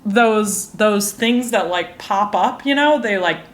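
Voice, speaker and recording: A woman's voice: medium pitch, slow. Woman in her twenties with a leisurely, exasperated delivery. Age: 20s. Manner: animated, laughs often, exasperated storytelling. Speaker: podcast host. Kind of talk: casual solo podcast chat.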